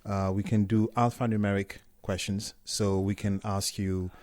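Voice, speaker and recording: Appearing as an interview guest, this middle-aged Cameroonian man who co-founded a startup talks at a moderate pace with a fairly low pitch. He sounds easygoing and frequently starts his phrases over. The recording is dry.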